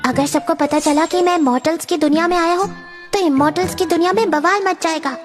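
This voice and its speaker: A woman's voice: very high-pitched, fairly quick, music in the background. A woman voicing a confident, boastful immortal little boy in a dubbed fantasy drama. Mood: confident, bossy. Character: powerful immortal child, doting son speaking to parents.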